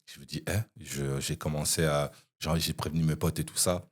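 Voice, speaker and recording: A young man, a podcast guest, telling an animated anecdote in casual chat, with frequent "you see" asides. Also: rumbling low, normal speed.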